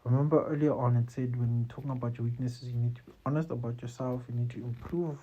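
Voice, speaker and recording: Speaking fast in a warm, mid-range voice with fairly even intonation, this South African host gives casual career advice. He repeats phrases and keeps ending lines with "you see" and "man," and the recording sounds muffled.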